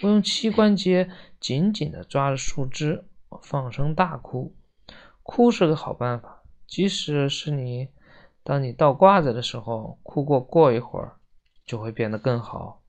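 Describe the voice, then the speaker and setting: A storyteller reading a children's book aloud slowly and expressively, doing the characters in different voices. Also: medium pitch, expressive. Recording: dull lo-fi recording.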